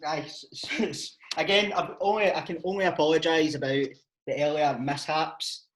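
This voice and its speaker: A man's voice: fairly high pitch, fairly even intonation, moderate pace, fairly bright tone. A Scottish man interviewing in a casual, chummy and informal way, swearing now and then. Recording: clearly noisy background.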